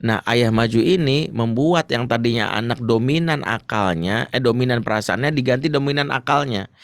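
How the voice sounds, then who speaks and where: A man speaking as an ustadz in an Islamic parenting talk, answering a question in a lively, joking way. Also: medium pitch, normal speed, gravelly, dry recording. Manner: lively, joking, acts out stories.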